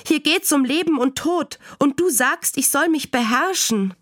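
A woman voicing an eight-year-old farm girl who pleads in a high, agitated voice. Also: expressive, normal speed, no echo, clean studio sound. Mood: upset pleading.

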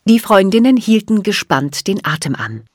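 A woman narrating a children's storybook in an expressive, dramatic reading. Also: medium pitch, normal speed, no echo, clean studio sound. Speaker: audiobook narrator.

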